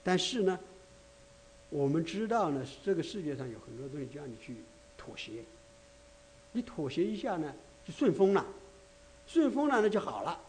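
Guy giving a chatty sermon, kinda high mellow voice, lots of restarts and "right?" asides. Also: sing-song, normal speed, long pauses, slight background noise. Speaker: preacher. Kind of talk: conversational sermon.

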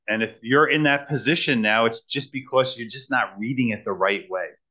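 A man preaching in short phrases and pausing for an interpreter, teasing the young people about a quiz. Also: medium pitch, bright, forceful tone, lo-fi sound. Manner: pauses for translation, teacherly, jokes with young people. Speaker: guest preacher. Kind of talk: sermon with live interpreter.

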